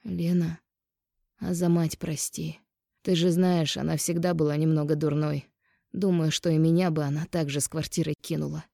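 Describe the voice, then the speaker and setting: A woman reading an audiobook, voicing a remorseful middle-aged ex-husband who speaks low, quiet and slow. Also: level tone, creaky, no echo, clean studio sound. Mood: pleading.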